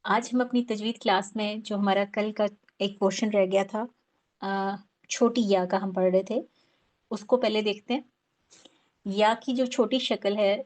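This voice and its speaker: A woman's voice: mid-range voice, darkish tone. A woman teaching a recitation class, explaining patiently step by step and drawing out example words.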